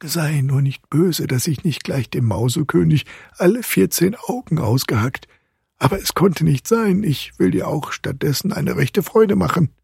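A strange old clockmaker godfather with a snarling, monotone chant, pitched high. His voice is husky and breathy, as a male reader puts him on. It is a storybook reading. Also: normal speed, no room sound, studio quality, full character voice. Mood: coaxing.

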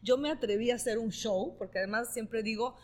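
A woman's voice: on the high side, brisk. Talkative Italian woman author, live audience. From northern Italy. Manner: lively, talkative, laughs often. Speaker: author guest. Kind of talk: live podcast interview. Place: store event space with live audience.

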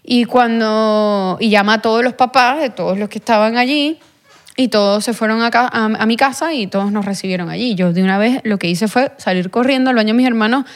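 A woman's voice: a little high, fairly quick. A young adult woman with a Venezuelan accent, telling a personal story in an interview. She rambles, uses many fillers and acts out what people said. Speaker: guest.

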